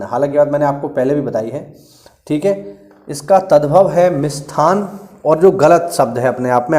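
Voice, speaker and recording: A man's voice: a little high, darkish tone. A man delivers an exam-prep lecture in a slightly raised voice. He explains patiently and says key words twice or three times so students catch them. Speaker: Hindi teacher.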